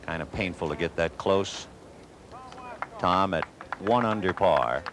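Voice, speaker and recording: Speaking a little slowly in a low voice, this man calls golf live and drops wry, wisecracking asides. The 1980s outdoor broadcast is noisy with crowd sound, as the gallery and the outdoor ambience fill the background.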